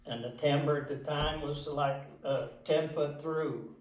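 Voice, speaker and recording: An older man with an Appalachian accent tells of his life at a slow, halting pace. He is plain-spoken and folksy, recorded at a distance from the microphone in an echoey room. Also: fairly high pitch, steady tone. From southwest Virginia mountains. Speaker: interviewee. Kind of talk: casual oral history reminiscence.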